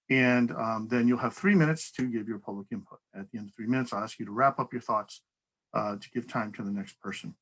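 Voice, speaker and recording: A man's voice: medium pitch, sharp tone, rough recording. A man chairing a town council public hearing over a video call, talking in an easygoing, procedural way with the odd light laugh.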